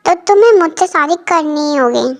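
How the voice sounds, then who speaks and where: A woman's voice: high voice, lively intonation, a little fast. A woman voicing a possessive young male mafia boss, talking in a blunt, commanding way.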